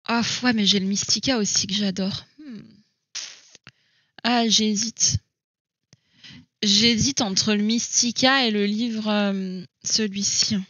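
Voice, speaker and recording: A woman's voice: mid-range voice, steady tone, slow pace, long pauses, fairly bright tone, no room sound, clean studio sound. A woman chatting casually to camera at home about her coloring books, thinking aloud and hesitating with many fillers. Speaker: coloring hobby vlogger.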